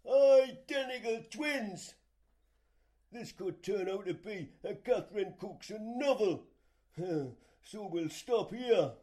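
A man playing a slow, teasing storyteller. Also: high-pitched, animated, mellow. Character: cheeky man recalling his first kiss.

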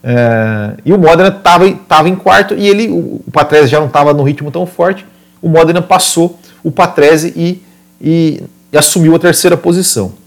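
Brazilian man, higher-pitched, casual motorsport commentator. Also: normal speed, gravelly. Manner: animated storytelling with repeated words and frequent tag questions. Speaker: motorsport podcast or stream host. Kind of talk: casual motorsport commentary, retelling a past race.

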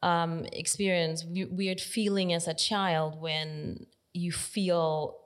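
A woman in her forties from Denmark, a podcast guest talking through her story thoughtfully, pausing often with fillers. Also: fairly low pitch, fairly even intonation, clear, resonant tone. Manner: thoughtful, hesitant with many pauses and fillers. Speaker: podcast guest, nonprofit library director. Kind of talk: reflective interview conversation.

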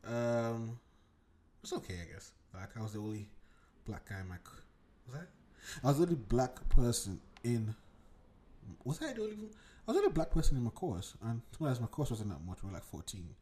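Hosting a solo podcast from his home desk, a young Nigerian man in his twenties rambles casually, wanders off topic and swears freely. His voice is medium-pitched and mellow.

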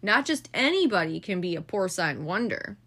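A woman voicing a gentle, courteous gentleman in a storybook. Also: mid-range voice, sing-song, moderate pace. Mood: kindly. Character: kindly gentleman.

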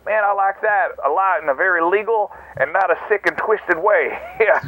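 A man's voice: sits high, normal speed, bright, forceful tone, a little hiss or hum, low-quality recording. A man leaving a goofy, rambling voicemail message for a show, played back over the phone. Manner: goofy, jokey, self-mocking.

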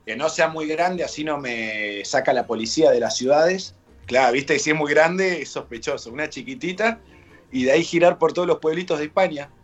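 An Argentine man, a guest author, telling stories in a lively, blunt, joking way. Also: on the high side, moderate pace, lo-fi sound. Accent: Argentine Spanish. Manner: lively storyteller, blunt jokes. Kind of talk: casual interview chat.

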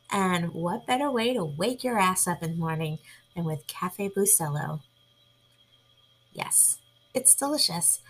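A woman hosting a casual chat podcast, talking chattily and with animation, sometimes dropping into hushed whispered asides. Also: medium pitch, husky, poor audio. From New York. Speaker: podcast host.

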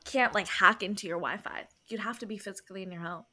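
A woman's voice: medium pitch, quick pace, pushed and bright. A woman in her late twenties, co-hosting a podcast and telling a story in casual chat with lots of "like". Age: 20s. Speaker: podcast co-host.

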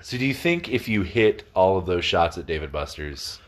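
Deep-voiced man rambling on a podcast. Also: big pitch swings, normal speed. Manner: rambling, swears freely. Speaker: podcast co-host. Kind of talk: casual chat.

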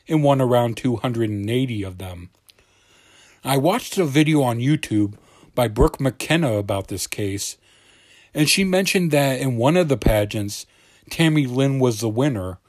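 A man's voice: mid-range voice, a little mellow, no echo. Man narrating suspenseful true crime, dry close sound. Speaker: podcast host.

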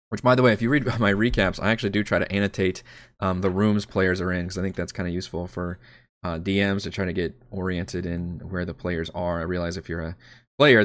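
A man with a deep, low voice talks casually as a game master, wandering from thought to thought and teasing himself. The sound is dry and close, with no room around him. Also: no room sound. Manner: rambling and self-deprecating, swears casually. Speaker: dungeon master. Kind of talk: casual livestream chat while prepping a game.

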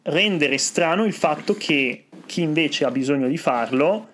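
A man's voice: fairly high pitch, lively intonation, unhurried, a bit bright, a little hiss or hum. A man with an Italian accent chats as a podcast co-host, hesitantly searching for his words. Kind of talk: casual podcast chat.

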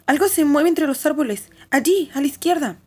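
A woman's voice: medium pitch, moderate pace, close to an everyday voice. A woman voicing an older girl in a storybook reading, speaking in urgent, alert calls. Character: young girl, watchful and urgent.

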